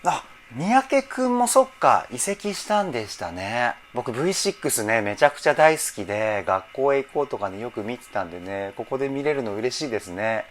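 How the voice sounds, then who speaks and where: Man, vocal trainer, lively pitch, teary and moved, faint music behind. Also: fairly quick, few pauses. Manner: emotional, repeatedly laughing and moved. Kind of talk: song reaction and vocal analysis.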